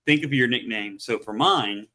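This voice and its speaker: Man, podcast co-host, bright forward tone, relaxed storytelling, casual chat. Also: medium pitch, moderate pace.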